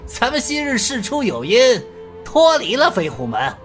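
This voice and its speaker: A rough, jovial sworn brother of the martial world, as a man acts him out, brash and chuckling. His voice sits high and bounces lively, with soft music behind. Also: moderate pace, heavily acted. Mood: hearty.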